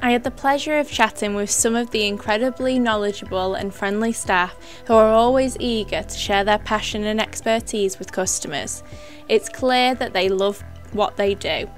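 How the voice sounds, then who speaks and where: A woman hosting a shop tour, upbeat and chatty as she interviews staff. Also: fairly high pitch. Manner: upbeat, chatty, laughs often. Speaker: host.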